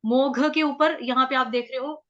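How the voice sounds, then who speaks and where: A woman from North India teaching scripture chanting in an online class, explaining pronunciation syllable by syllable and chanting words slowly. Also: sits high, steady tone, a bit bright, highs cut off. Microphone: video call.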